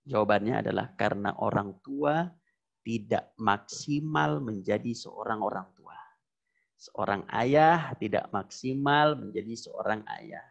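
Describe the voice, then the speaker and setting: Emphatic gravelly male preacher. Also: unhurried. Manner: emphatic, repeats phrases, jumps to high exclamations; recites Arabic verses between plain explanation. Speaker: Islamic preacher. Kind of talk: religious lesson to a congregation. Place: Islamic boarding school lecture. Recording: dull lo-fi recording.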